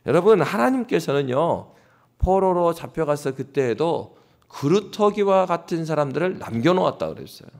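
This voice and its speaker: Male pastor, pitched a little high, lively delivery, mimics scoffers mid-sermon. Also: moderate pace. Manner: animated preaching, acts out scoffing voices. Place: church sanctuary.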